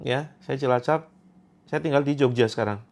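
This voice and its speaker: This Indonesian Quran therapy host, a man in his thirties, has a mid-range, slightly mellow voice and speaks at a moderate pace. On his livestream he jokes and chats while reading out viewer comments, often restating points to stress them.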